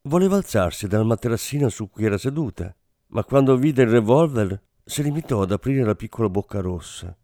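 A man reading a hard-boiled crime story aloud in a steady, deadpan manner. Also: on the low side, no room sound, studio quality. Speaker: narrator. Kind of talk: scripted story narration.

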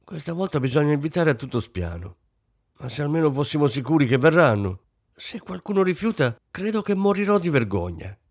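A man reading an audiobook, voicing a fussy, social-climbing middle-aged wife who is shrill, bossy and fretful. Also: big pitch swings, brisk, darkish tone, dry recording, clean studio sound. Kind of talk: audiobook character voice.

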